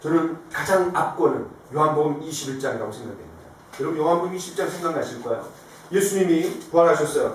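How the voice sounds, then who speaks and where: A man preaching a sermon as pastor, telling stories animatedly and asking the congregation questions. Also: fairly high pitch. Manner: animated storytelling, acting out quoted lines. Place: church sanctuary. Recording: echoey hall, distant mic, faint noise.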